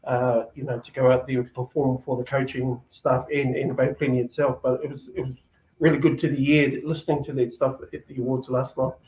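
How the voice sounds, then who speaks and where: A man co-hosts a casual chat in a relaxed, laid-back manner. His voice sits at an ordinary pitch, and the room adds a noticeable echo. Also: fairly quick.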